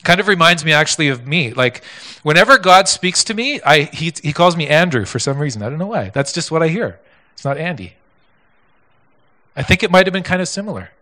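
Bright-voiced pastor preaching. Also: male voice, on the high side, brisk. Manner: animated, repetitive, with many restarts. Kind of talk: sermon storytelling.

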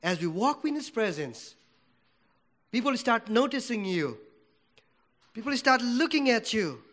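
This sermon comes from a man from Nepal whose first language isn't English and whose accent is Nepali. With a very high, very animated voice at a measured pace, he alternates loud declarations with hushed prayer.

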